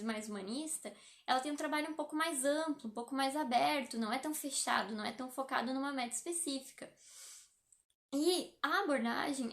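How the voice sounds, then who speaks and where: A woman's voice: sits high, a bit bright. A young Brazilian woman, a psychologist, talking casually and explaining things on a live stream, with lots of fillers. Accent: Brazilian Portuguese. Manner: chatty and explanatory, with many fillers.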